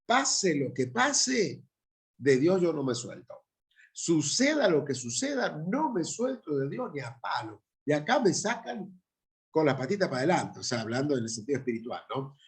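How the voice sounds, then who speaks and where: Argentine pastor giving an emphatic Bible lecture. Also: male voice, fairly high pitch, big pitch swings, normal speed. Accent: Argentine Spanish. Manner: emphatic, with frequent rhetorical tag questions. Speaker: pastor teaching a Bible class.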